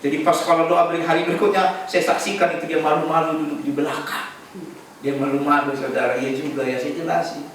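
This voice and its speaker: A man preaching a sermon as pastor, animated and joking, calling for responses from the congregation. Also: on the high side, quick pace, a little hiss or hum. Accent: Indonesian. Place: large church hall. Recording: echoey church hall, distant mic.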